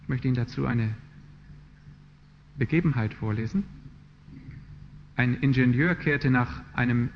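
A man delivers a sermon in an earnest, searching manner and grows emphatic as he drives his points home. The recording is dull and lo-fi, with a long hall reverb and a faint hiss behind him. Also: mid-range voice. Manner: earnest, rising to emphatic passages. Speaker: preacher.

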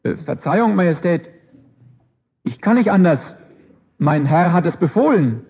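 A man's voice: a little high, very animated, a little slow, vocal fry, slightly rough, long reverb tail, exaggerated voice. A man voicing a steadfast, apologetic male valet who speaks firmly yet deferentially, on a dull lo-fi recording.

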